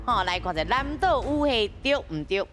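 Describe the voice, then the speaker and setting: A woman's voice: fairly high pitch, animated, moderate pace, music in the background. A woman with a Taiwanese Hokkien accent hosting a game show, prompting with frequent short interjections. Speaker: quiz show host.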